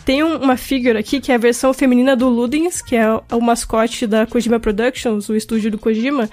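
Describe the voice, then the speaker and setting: A woman chatting casually on a podcast, relaxed and self-deprecating. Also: a little high, fairly quick. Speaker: podcast guest. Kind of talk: casual chat.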